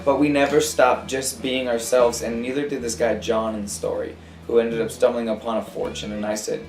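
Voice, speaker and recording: A man's voice: medium pitch, level tone, fairly quick, a little mellow. A man in a band telling his story in a loose, rambling way, full of fillers. He sounds like he is in an echoey room, with faint music in the background. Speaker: band member. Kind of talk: casual interview chat.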